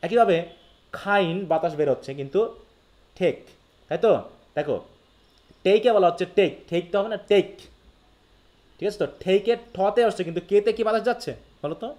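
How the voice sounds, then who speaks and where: High-voiced Bangladeshi man teaching a class. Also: a little mellow. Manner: explains step by step, often checking that students follow; reads English text slowly, then explains it. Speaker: English teacher. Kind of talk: live lecture.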